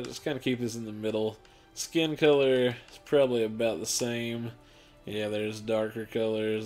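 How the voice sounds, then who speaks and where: Yawning and tired late at night, a man on a gaming channel offers rambling, offhand commentary with lots of fillers as he works through a character creator. He has a mid-range, slightly mellow voice.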